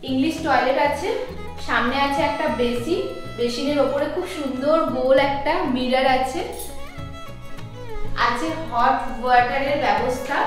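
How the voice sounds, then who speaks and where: A woman vlogger giving a chatty walk-through tour of a large bathroom, her voice carrying a slight echo off the walls. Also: sits high. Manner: chatty guide pointing things out, filler-heavy. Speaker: travel vlogger. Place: large bathroom of a forest cottage, indoors.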